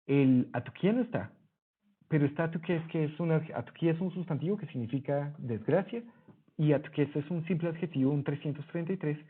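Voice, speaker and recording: In a fairly quick, high-leaning voice, a man works through a screen-recorded Greek lesson, patient in his explanations and fixing his own slips as he goes. The husky voice comes through with a narrow, phone-like quality.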